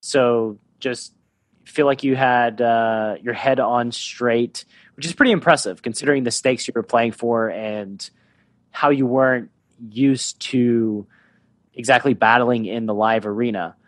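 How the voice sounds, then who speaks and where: A man hosting a podcast interview, asking questions in a relaxed conversational way. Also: medium pitch, measured pace, dry recording. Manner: conversational, asks leading questions. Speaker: podcast host.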